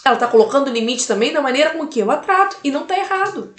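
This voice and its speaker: A woman's voice: high-pitched, expressive, quick pace, echoey room. A mother giving life advice in an emphatic motivational talk, repeating key phrases and asking the listener direct questions.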